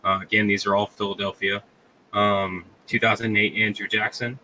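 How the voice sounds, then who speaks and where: A man selling coins on a live sale stream, talking haltingly with many fillers. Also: lowish voice, little pitch movement, pushed and bright, slight background noise, rough recording. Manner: halting, many ums and uhs.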